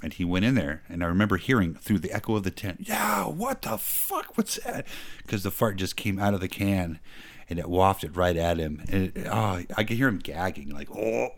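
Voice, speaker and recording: Deep-voiced man telling crude stories. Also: a little fast. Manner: crude storytelling, joking. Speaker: podcast co-host. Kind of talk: casual chat.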